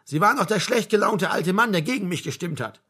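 A man's voice: high-pitched, lively intonation, quick pace, pushed and bright, slightly rough, voice pushed up, heavily acted. A man voicing an irritated, defiant young male patient who argues back in an indignant tone. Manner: indignant, argumentative.

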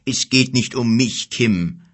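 A man voicing an old, bent and sorrowful king who speaks gravely and with bitterness in a storybook reading. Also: mid-range voice. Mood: compassionate. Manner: grave, bitter, measured speech.

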